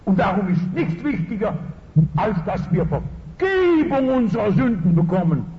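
A man's voice: high voice, sing-song, moderate pace. An older man, a pastor with a German accent, preaching a sermon and telling stories emphatically while addressing the audience directly. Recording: dull lo-fi recording in a reverberant hall.

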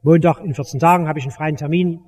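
A preacher playing brusque, busy Zacchaeus. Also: male voice, fairly high pitch, steady tone, fast talker, darkish tone, big-room sound, pitched below the performer's own voice, natural voice. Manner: curt and dismissive. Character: busy, brusque male tax collector up a tree.

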